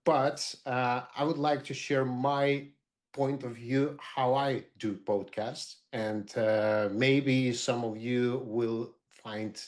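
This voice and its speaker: A middle-aged man, speaking as a marketer on a group video call, halting with many fillers and restarts. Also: mid-range voice, steady tone. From Lithuania. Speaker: roundtable participant, marketer.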